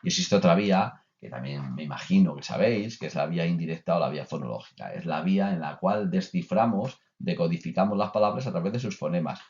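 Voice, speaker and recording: Deep-voiced man lecturing, lo-fi. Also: expressive, fast talker, few pauses, darkish tone. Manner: conversational, many filler "eh"s and restarts. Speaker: teacher trainer. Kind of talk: recorded course lecture. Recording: dull lo-fi recording.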